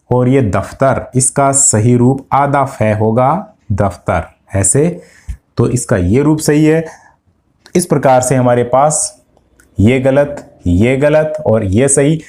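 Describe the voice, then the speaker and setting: A man's voice: medium pitch, warm tone. A man teaching an exam-prep grammar lesson, explaining corrections step by step and asking his students questions. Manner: addresses students directly.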